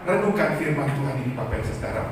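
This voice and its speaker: A man's voice: mid-range voice, lively intonation, rapid-fire, noisy background. A man preaching a fervent sermon as pastor, often addressing the congregation directly. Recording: echoey hall, from far off.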